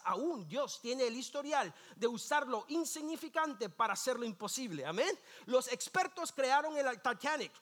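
A man with a strikingly high voice preaches from the pulpit. He leads call-and-response, repeating key phrases and asking the congregation to say them back. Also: bright, forceful tone. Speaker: pastor. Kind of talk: sermon. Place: church sanctuary.

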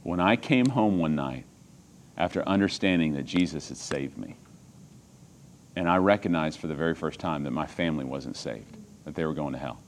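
Low deep-voiced preacher guy, middle-aged, from texas, earnest sermon storytelling, goes quiet then loud. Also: expressive, moderate pace, slight background noise. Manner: earnest, swings from hushed to loud and emphatic.

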